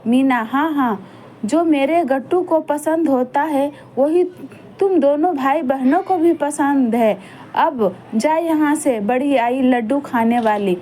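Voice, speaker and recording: A woman's voice: sits high, slow pace, dark tone. A woman voicing a harsh, cruel village stepmother who scolds and sneers at her stepchildren. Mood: scornful.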